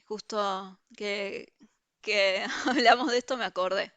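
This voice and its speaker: A woman teaches a university review class over a video call, her voice bright and crisp. She explains each point patiently and step by step, often pausing to check that her students follow. The sound is close and dry, with no room around it. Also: mid-range voice, no echo. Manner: explanatory, checks understanding with frequent "¿sí?".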